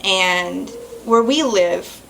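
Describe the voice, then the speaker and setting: Woman vlogger telling a personal story, halting. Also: mid-range voice, vocal fry, a bit bright, a little hiss or hum, poor audio. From Southern United States. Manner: emotional, halting, with apologies and small laughs.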